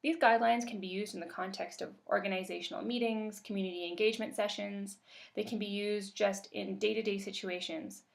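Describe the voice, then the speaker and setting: Giving a webinar presentation, this Canadian woman facilitates a workshop in a gravelly, mid-range voice. Her tone stays calm and measured, broken by the occasional filler.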